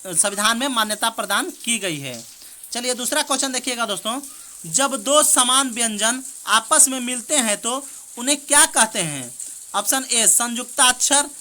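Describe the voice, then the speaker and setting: A woman teaching exam prep, reading out multiple-choice questions and answers quickly and often saying "theek hai doston", with rain behind her. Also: fairly high pitch, pushed and bright. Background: rain heard in the background.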